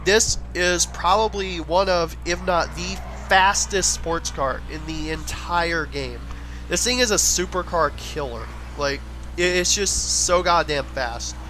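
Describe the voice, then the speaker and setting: A man with a fairly high, bright, forceful voice, slightly stuffy from a head cold, gives casual gameplay commentary as a voice-over. Like a gaming creator recommending his favorites, he sounds chatty and enthusiastic yet takes it slowly. Soft music plays in the background.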